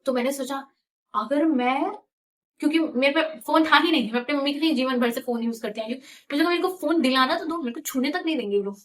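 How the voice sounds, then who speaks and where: A young woman in her twenties casually telling her own story, chatty and animated, slipping English phrases into her talk. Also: high voice, quick pace, slight background noise. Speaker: vlogger.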